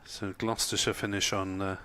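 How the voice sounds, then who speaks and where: Man, cricket co-commentary, bright and crisp tone, halting with lots of uh. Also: low voice, little pitch movement. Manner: hesitant, lots of "uh", matter-of-fact. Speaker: co-commentator giving scores from other matches.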